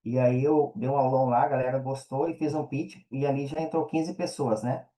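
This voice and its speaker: Through a rough recording, a man with a Brazilian Portuguese accent answers interview questions in a warm, steady, medium-pitched voice at a fairly quick pace. The guest, an affiliate marketer and mentor, keeps things conversational, with slangy phrasing and frequent check-in tags.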